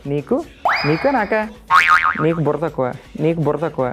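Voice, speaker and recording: A man hosting a talk show, teasing his guest in quick, playful banter. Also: fairly high pitch, animated, muffled recording. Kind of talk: playful casual chat. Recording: loud music underneath.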